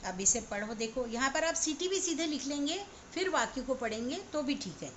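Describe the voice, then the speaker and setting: A woman teacher giving an online class to young children, spelling words out slowly sound by sound. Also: sits high, animated, slight background noise. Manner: slow, sound-by-sound spelling aloud. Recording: slightly dull, lo-fi recording.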